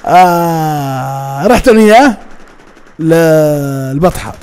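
A man with a Saudi Najdi accent telling a personal story in a casual, lively, colloquial way, often laughing and acting out the people he talks about. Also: on the high side, slow, smooth. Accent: Saudi Najdi Arabic. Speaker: storyteller recounting his past.

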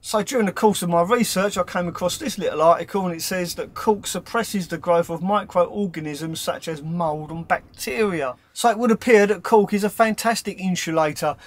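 A man's voice: high-pitched, normal speed, few pauses. A man chatting upbeat in a casual question-and-answer vlog, talking from inside his camper van. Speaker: van life vlogger.

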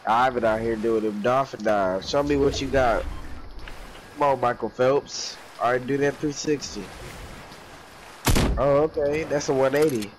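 A man's voice: medium pitch, measured pace, long pauses. A young man with a stuffed-up nose, in casual gaming banter, joking and ribbing his squad. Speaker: gaming video creator. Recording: noisy gameplay audio.

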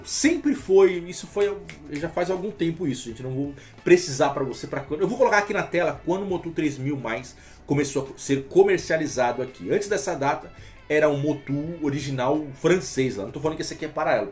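A chatty Brazilian man with a slightly higher voice than most, explaining in an easygoing way straight to camera. He reads text aloud haltingly, stumbling and restarting, and faint music plays behind him. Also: animated, a little mellow. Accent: Brazilian Portuguese. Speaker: motor oil seller. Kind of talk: casual talk to camera.

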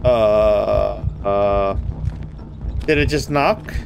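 A man's voice: lowish voice, drawn-out words, vocal fry, muffled recording, noisy background. A man giving let's play commentary on a horror game, jumpy and nervous, swearing often and talking to his viewers. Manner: talks to the viewers while playing. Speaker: gamer playing a horror game.

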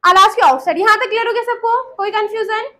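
A woman teaching English grammar to a class, repeating example sentences slowly and checking that everyone understands. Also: extremely high pitch, pushed and bright. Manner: slow, deliberate dictation of example sentences.

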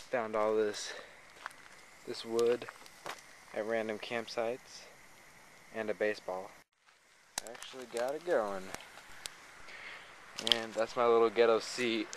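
A man's voice: lowish voice, noisy background. A man chatting offhand to his handheld camera in an empty campground outdoors at night, rambling about his campfire and the frogs. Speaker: vlogger. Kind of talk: casual camping vlog. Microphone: handheld camera mic. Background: croaking frogs.

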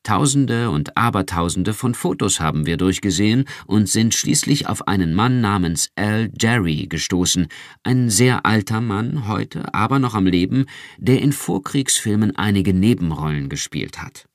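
A brittle, pedantic male research chief lectures in a low voice, as a man reading the audiobook puts him on. The recording is dry and close. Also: animated, normal speed, dry recording.

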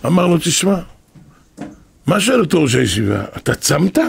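An older man who is a rabbi, giving an impassioned Torah lesson that often rises to shouts and repeats itself. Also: on the high side, very animated, gravelly, background noise. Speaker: rabbi teaching a class.

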